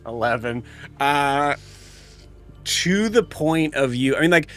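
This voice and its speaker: A man narrating a tabletop game as game master, casual and halting as he searches for words. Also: on the high side, lively intonation, fairly bright tone. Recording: music playing behind.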